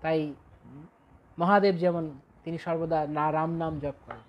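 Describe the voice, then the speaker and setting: A man with a high voice delivers a devotional discourse at a slow, deliberate pace. He tells sacred stories and often slips into drawn-out sung chant refrains. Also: steady tone, slight background noise. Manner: unhurried storytelling with dramatic quoted cries. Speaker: preacher.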